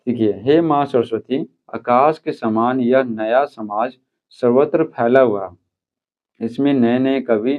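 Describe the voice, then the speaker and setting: A man teaching a school lesson, explaining step by step and checking in with his students often. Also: medium pitch. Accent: Hindi. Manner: repeats "theek hai" often, explains step by step. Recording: tinny phone-like sound.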